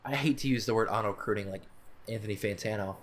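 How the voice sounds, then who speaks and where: A young man from the United States co-hosting a casual podcast, rambling with frequent restarts and quick asides. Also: fairly low pitch, background noise. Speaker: podcast co-host. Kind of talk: casual chat.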